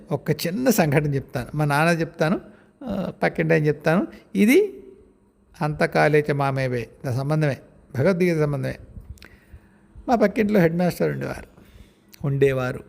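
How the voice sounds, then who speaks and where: A man's voice: a little high, creaky, a little mellow. A man telling personal stories as a spiritual practitioner, in a conversational, reflective way, speaking directly to his listeners. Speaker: spiritual practitioner sharing experiences. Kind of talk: storytelling memoir talk. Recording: long reverberant room echo.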